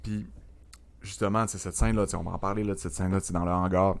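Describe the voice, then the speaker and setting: A young man with a Quebec French accent, co-hosting a casual film podcast, animated and full of fillers, dropping in English words. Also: low voice, racing, gravelly, a little hiss or hum. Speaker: podcast co-host.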